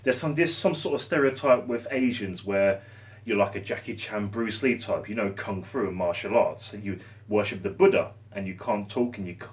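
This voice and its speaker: Guy ranting on his vlog, low voice that jumps all over, sounds a bit distant from the mic. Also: normal speed. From London. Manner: passionate, rambling, sarcastic. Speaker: vlogger. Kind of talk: opinion rant to camera. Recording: voice set back from the mic.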